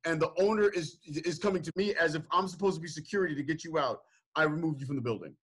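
A man's voice: fairly high pitch, quick pace, fairly bright tone, breathy edge. A man hosting a podcast, confronting his guest firmly and insistently, cutting in repeatedly. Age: older than guest. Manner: firm, insistent, repeats name to interrupt. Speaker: podcast host.

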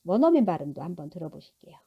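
A woman teacher giving a recorded English lesson to adult learners. She talks patiently, repeats each sound slowly, and asks and answers her own questions. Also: fairly low pitch, sing-song, vocal fry, breathy edge, narrow, tinny audio.

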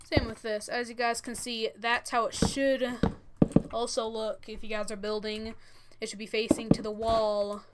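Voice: mid-range voice, flat delivery, moderate pace. A thirteen-year-old who says w for r, giving casual, informal step-by-step commentary as host of a gaming tutorial. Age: 13 years old. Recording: noisy, with keyboard and mouse clicks.

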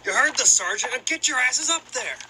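A man voicing an eager young toy soldier who calls out urgently in an animated war short. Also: very high voice, brisk, background noise.

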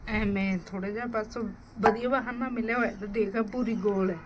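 A woman's voice: mid-range voice, steady tone, fairly quick, very noisy. A woman chatting casually while cooking, exclaiming and repeating her phrases. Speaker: family vlogger.

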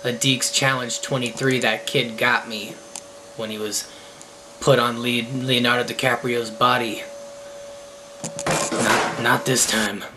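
A man's voice: mid-range voice, level tone, slow, pauses often, noisy background. A man in his thirties giving casual, sweary reaction commentary in short quips. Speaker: reaction video host. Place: small room at home, indoors.

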